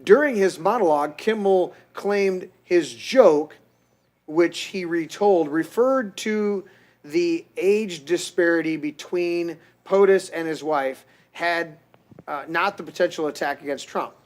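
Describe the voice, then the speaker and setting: Middle-aged male podcast host, heated and crude, slightly high voice, casual rant. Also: slow pace, a little mellow. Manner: heated, crude, restarts often.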